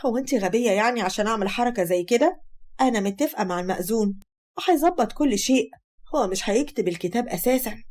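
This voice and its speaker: A woman's voice: a little high, animated, fast talker, a little mellow. A woman with an Egyptian accent voicing a harsh, scheming mother who scolds sharply. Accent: Egyptian Arabic.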